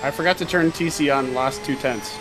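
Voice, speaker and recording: A man with a cough, racing and chatting excitably with teammates over voice chat, swearing often. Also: medium pitch, brisk, noisy background. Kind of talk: casual team chat while racing.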